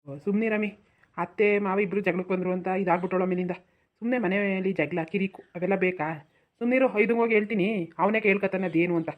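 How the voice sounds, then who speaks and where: A tired old cartoon village father-in-law, as a woman acts him, who keeps hushing everyone in a rural Mysore-region accent. He talks fast and begs for peace at home. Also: medium pitch, steady tone, narrow, tinny audio, close to an everyday voice. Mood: soothing. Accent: rural Mysore-region Kannada. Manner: pleading, placating, keeps saying hush.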